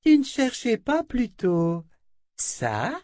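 A man's voice: very high voice, wildly swooping pitch, slow pace, a little mellow, no echo, clean studio sound, pitched above the performer's own voice, full character voice. A man voicing a cruel, spoiled young princess in a storybook reading, mocking and imperious. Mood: sneering. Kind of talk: storybook read-aloud voice.

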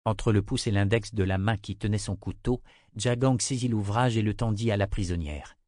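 A man narrates a novel in a steady, even storytelling voice. His voice sits somewhat low. The recording is dry and close, with no room sound. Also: normal speed, no room sound. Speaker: audiobook narrator. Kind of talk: scripted narration.

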